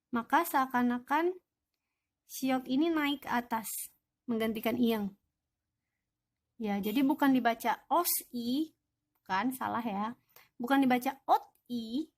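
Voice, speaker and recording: A young woman teaching an online language lesson, patiently explaining rules and answering her own questions. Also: on the high side.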